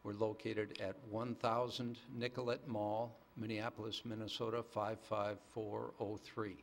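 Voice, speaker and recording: A mature American man presenting to a public board as a company manager, genial and measured, often pausing mid-sentence. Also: fairly low pitch, level tone, vocal fry, slight background noise. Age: middle-aged or older. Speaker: corporate development manager, petitioner.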